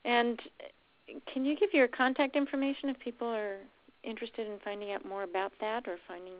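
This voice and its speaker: A woman hosts a monthly call, thanking her guest and wrapping up in a gracious, measured way with some fillers. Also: on the high side, steady tone, narrow, tinny audio. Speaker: host of a monthly call series. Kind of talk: hosting a call.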